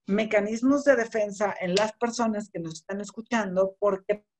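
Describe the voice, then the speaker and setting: A middle-aged Mexican woman leads a live public speaking class from her computer. She talks in a relaxed, conversational way and acts out short spoken examples to make her points. Her voice sits at an ordinary middle pitch. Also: moderate pace, a little hiss or hum. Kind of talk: online class lecture. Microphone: computer mic on a video call.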